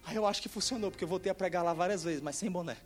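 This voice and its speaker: A man preaching a sermon as pastor, swinging from quiet storytelling to shouted preaching. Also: high-pitched, rapid-fire, soft background music. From Brazil.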